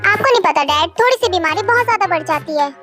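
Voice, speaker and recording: A young woman plays a blunt, hot-headed young woman who scolds in a very high, thin voice. Soft music plays underneath the storybook reading. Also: expressive, quick pace, full character voice. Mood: scolding. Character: short-tempered young woman, sharp-tongued. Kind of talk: storybook voice acting. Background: faint background music.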